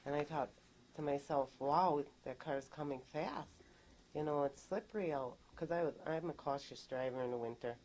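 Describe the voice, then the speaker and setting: Low-voiced woman giving deposition testimony. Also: warm tone, slight background noise. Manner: plain, halting recounting with many "and I says". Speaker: deposition witness. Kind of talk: recorded legal deposition testimony.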